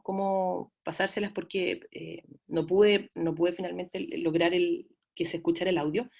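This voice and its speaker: A woman's voice: fairly low pitch, a little mellow. Chilean woman lecturing in a chatty way. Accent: Chilean Spanish. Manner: chatty, addresses students as "chiquillos", frequent fillers. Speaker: lecturer in audiology. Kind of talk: online class lecture.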